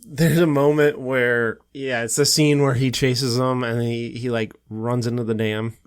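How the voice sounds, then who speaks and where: A man's voice: mid-range voice, fairly even intonation, a little slow, clean tone. A man co-hosting a podcast, chatting casually and chuckling as he retells scenes. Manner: amused, laughing through his retellings. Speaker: podcast co-host. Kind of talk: casual chat.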